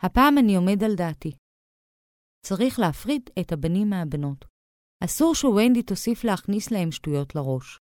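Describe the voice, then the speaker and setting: A woman's voice: medium pitch, lively intonation, darkish tone, no room sound, clean studio sound, natural voice. A woman voicing a stern, impatient father of three who blusters in exasperated outbursts, in a storybook reading. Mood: stubborn.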